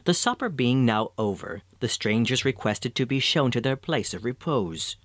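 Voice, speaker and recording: Male storybook narrator, expressive, dry studio sound. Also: mid-range voice, normal speed, no room sound.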